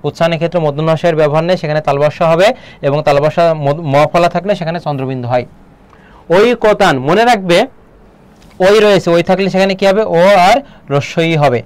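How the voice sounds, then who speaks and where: Bangladeshi guy teaching online class, highish smooth voice, keeps asking students questions. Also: dry recording. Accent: Bangladeshi Bengali. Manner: quizzing students with quick questions. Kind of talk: online exam-prep class.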